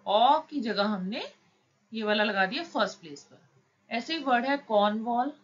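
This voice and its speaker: A woman teaching shorthand, explaining each word slowly and patiently, step by step. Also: animated. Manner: slow, patient, drawn-out words. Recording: dull low-fi recording with faint noise.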